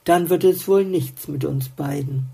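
A woman's voice: sits low, measured pace, gravelly, mellow, husky, full character voice. A woman voicing a grumpy, puzzled little male songbird in a storybook, grumbling and doubting. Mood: grumbling, doubtful.

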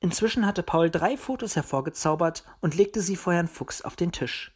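A woman's voice: lowish voice, normal speed, husky. Woman narrating a children's storybook. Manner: lively, expressive reading.

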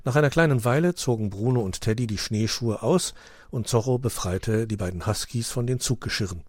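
A man reading a children's story aloud in an expressive storytelling manner. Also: mid-range voice, fairly quick, no room sound. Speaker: narrator.

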